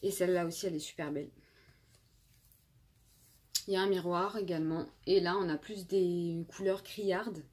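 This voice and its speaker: A woman's voice: on the low side, fairly even intonation, normal speed, pauses often, darkish tone, husky. A woman in her twenties casually reviewing makeup palettes as a beauty vlogger, chatty with many fillers and restarts, filmed on a phone indoors. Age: 20s. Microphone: phone camera.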